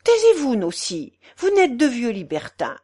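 Woman reader doing a nosy, shrill concierge, high and swooping, wheedling. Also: huge pitch swings, a little slow, mellow, husky, heavily acted. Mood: coaxing. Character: gossipy, meddling middle-aged Parisian concierge woman.

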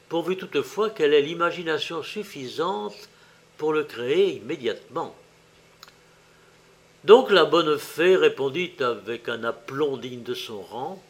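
A man narrating a literary tale, reading slowly and expressively with wide swings in loudness. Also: mid-range voice.

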